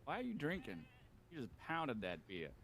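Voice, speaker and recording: A man's voice: mid-range voice, huge pitch swings, moderate pace, very noisy. A man in an in-character western role-play, bantering in a dry, stubborn drawl.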